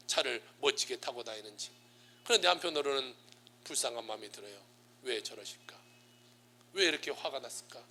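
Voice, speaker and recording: A middle-aged male pastor preaching a sermon, acting out quoted lines with big swings from loud exclamations to near-whispers. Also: medium pitch, gravelly, slight background noise.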